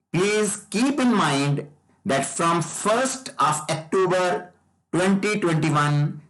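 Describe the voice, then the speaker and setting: Slow, deliberate male tutor explaining rules. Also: sits high, a bit bright, low-quality recording. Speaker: driver licensing trainer and tutor. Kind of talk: explanatory lesson presentation.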